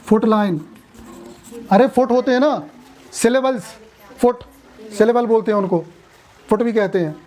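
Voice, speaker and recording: A man's voice: sits high, moderate pace, pauses often, a little mellow. Chatty man teaching a class. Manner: chatty, asks students questions, jokes. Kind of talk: classroom lecture.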